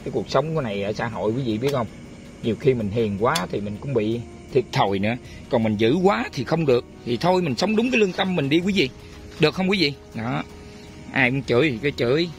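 Casting note: man, mid pitch, talkative channel host who grumbles and keeps addressing viewers, faint music underneath. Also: animated, fairly quick. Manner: chatty, complaining, addresses viewers often. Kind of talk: casual talk to viewers and a chanted prayer.

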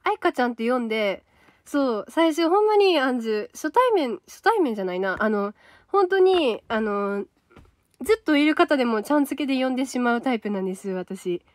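A woman's voice: high-pitched, big pitch swings, brisk, no echo. A young woman with a Kansai accent, hosting a solo livestream and chatting casually as she reacts to viewer comments aloud. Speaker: idol trainee livestream host.

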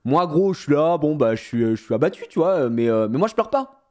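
A man telling a story casually to his viewers, in an animated, slangy way, often laughing at himself. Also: fairly high pitch, fairly quick. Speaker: streamer.

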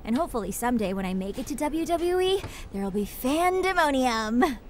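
A woman's voice: high voice, sing-song, fairly quick, slight background noise. A woman playing a bubbly young wrestling superfan in a video game, chatty, geeky and enthusiastic. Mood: excited, friendly. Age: young adult. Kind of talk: animated video game character acting.

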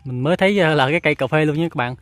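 A fast-talking man in his thirties with a Southern Vietnamese accent, his voice sitting a little high as he chats to viewers between frequent filler pauses. He films himself outdoors in a garden on a phone held at arm's length. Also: dry recording. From Mekong Delta, Vietnam. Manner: chatty, many filler pauses, addresses viewers. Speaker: vlogger. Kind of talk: casual walking tour vlog. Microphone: phone camera held at arm's length.

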